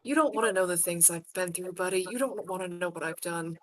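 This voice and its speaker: A woman playing a guilt-ridden, defiant adventurer in a tabletop game, speaking in a halting, confrontational, earnest way. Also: on the low side, no room sound, clean studio sound, lightly acted. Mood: guilty, defiant. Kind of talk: tabletop role-play.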